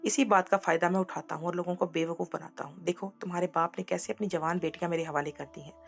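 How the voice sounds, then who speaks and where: A woman's voice: on the low side, fairly even intonation, fast talker, gravelly, soft background music. A woman reading the lines of a threatening male servant in his fifties who looks elderly, in a storybook reading. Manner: threatening, gloating.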